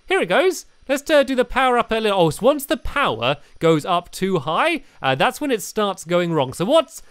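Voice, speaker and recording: A young British man giving chatty, excitable commentary while playing a building game, full of fillers and restarts. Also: high voice, smooth, no room sound. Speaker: gaming video creator. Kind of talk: casual gameplay commentary.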